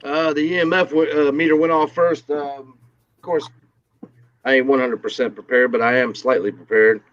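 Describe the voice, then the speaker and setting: A man's voice: medium pitch, fairly even intonation, no echo. Man with a dull lo-fi call sound. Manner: halting, explaining with fillers. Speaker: paranormal investigator. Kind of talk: casual explanation on a live stream.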